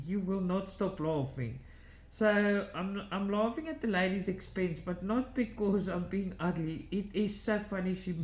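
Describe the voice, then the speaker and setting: Her voice is mid-range and a little mellow, and the audio sounds dull. The South African host of a home cross-stitch channel rambles through asides, laughs often, and chats casually while she stitches. A roomy echo and faint background noise come through.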